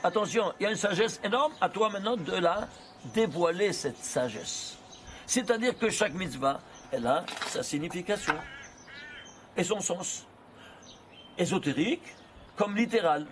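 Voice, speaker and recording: A man giving an animated lesson, asking questions and answering them himself in rapid bursts. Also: high voice, noisy background. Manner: animated, asks and answers his own questions. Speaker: Torah teacher. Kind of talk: lively lesson on gematria.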